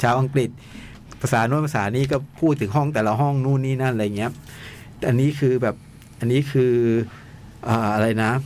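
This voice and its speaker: A man in a relaxed film review chat, rambling as he retells a story and often restarts his sentences. His voice sits at an ordinary middle pitch, and a faint hum runs under it. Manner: rambling retelling with many restarts and repeated words.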